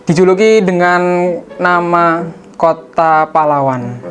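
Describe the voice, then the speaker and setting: Seorang pria berusia dua puluhan asal Surabaya, mahasiswa, menjawab wawancara dengan lambat dan apa adanya. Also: male voice, fairly high pitch, slow pace. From Surabaya, Indonesia. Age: 20s. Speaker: university student. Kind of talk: casual interview answers.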